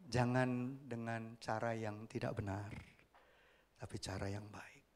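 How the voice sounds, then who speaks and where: A man preaching a sermon as pastor, lively and often asking the congregation questions. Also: medium pitch, takes it slowly, a little hiss or hum. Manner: animated, asks the congregation questions, acts out quoted voices.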